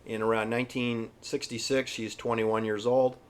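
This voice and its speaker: A man giving informal, opinionated history commentary in an emphatic, halting, repetitive manner. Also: mid-range voice, little pitch movement, smooth. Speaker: presenter. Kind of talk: informal conspiracy-history commentary over pictures.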